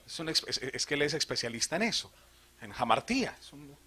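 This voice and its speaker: Animated Colombian priest teaching. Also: male voice, fairly high pitch, a little fast, noisy background. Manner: animated, questioning the audience, joking. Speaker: priest giving a theology course. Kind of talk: teaching talk to a live audience. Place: retreat hall.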